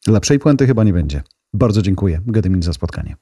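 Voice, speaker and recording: A man's voice: low voice, big pitch swings, quick pace, warm tone, husky, no echo. A man hosting a podcast, asking thoughtful questions and closing the show. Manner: brief affirmations, thoughtful questions. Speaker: podcast host. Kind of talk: interview and outro.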